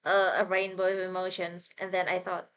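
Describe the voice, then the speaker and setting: A woman with a slightly low voice talks casually to her viewers as a fan. She rambles informally and tells her stories expressively. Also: completely flat delivery, normal speed, fairly bright tone, clean tone. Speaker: fan reaction vlogger.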